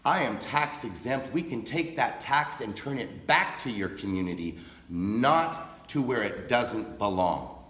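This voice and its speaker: A man giving an impassioned public speech at a gathering, slow and deliberate, with long solemn pauses. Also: mid-range voice, animated, a bit bright, reverberant. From raised on a reservation in the United States.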